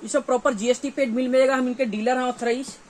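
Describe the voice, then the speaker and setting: An extremely high-pitched, steady male voice moves at a quick pace. The speaker, a thirtysomething dealer with a North Indian accent, casually and repetitively presents products to camera in a small, cluttered gear shop, with faint shop noise in the background.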